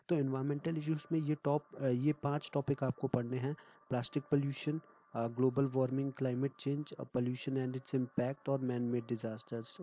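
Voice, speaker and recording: A man's voice: mid-range voice, mellow, rough recording. A man tutoring exam candidates in a casual, chatty lecture, full of fillers and frequent "okay" check-ins.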